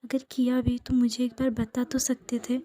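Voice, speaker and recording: A woman's voice: on the high side, little pitch movement, moderate pace, mellow, natural voice. A woman voicing a hurt young man who pleads with his spouse, in a whispered role-play. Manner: pleading, reproachful.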